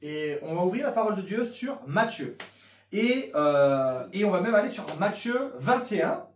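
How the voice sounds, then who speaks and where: Animated man hosting a youth Bible talk. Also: high-pitched, normal speed, a little hiss or hum. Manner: animated, hesitant with many fillers. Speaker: youth ministry host. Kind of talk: casual chat and Bible reading. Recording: roomy sound from a distance.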